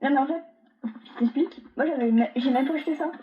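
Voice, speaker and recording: A woman playing a game alongside a friend, teasing and relaxed in casual chat. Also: high-pitched, quick pace, highs cut off, a little hiss or hum. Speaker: co-player.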